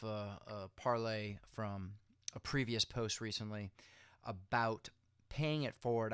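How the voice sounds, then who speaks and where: A man with a middle-pitched, clean and resonant voice gives a motivational halftime pep talk. He speaks conversationally and encouragingly to his viewers, repeating phrases to drive them home. The sound is dry, with very little room in it. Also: a bit bright, smooth, no room sound. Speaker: host of a motivational video series.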